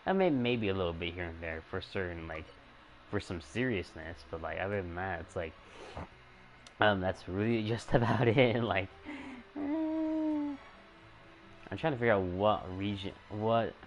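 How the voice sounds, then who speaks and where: A young man streaming a game, talking casually in a quiet, hesitant way with many fillers and restarts. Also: low-pitched, brisk, muffled recording.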